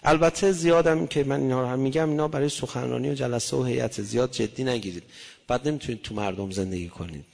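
A man preaching a religious sermon, shifting between hushed murmurs and loud impassioned cries. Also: mid-range voice, creaky, in a large hall.

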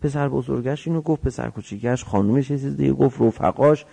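A man's voice: medium pitch, vocal fry, mellow, husky. A man preaching in the form of a story, telling it vividly and acting out the dialogue in changing voices. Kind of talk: religious storytelling sermon.

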